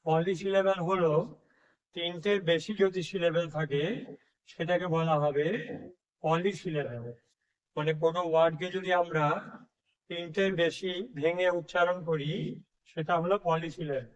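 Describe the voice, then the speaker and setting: Slow, deliberate man teaching a lesson. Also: on the high side, fairly even intonation, highs cut off. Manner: slow, deliberate, drawn-out example words. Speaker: English tutor. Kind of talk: slow classroom explanation.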